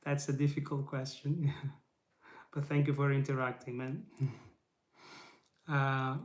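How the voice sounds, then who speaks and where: Speaking slowly in a mid-range voice with little pitch movement, this YouTube host addresses the camera in English, his native tongue being Portuguese. It's a casual live motivational talk, earnest and encouraging, peppered with rhetorical questions and "right?". The camera mic picks up an echoey room.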